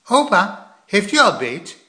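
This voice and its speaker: A man's voice: high-pitched, wildly swooping pitch, slow, sharp tone, voice pushed up, full character voice. A man doing Plop, a timid little boy. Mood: eager. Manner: hesitant, stammering.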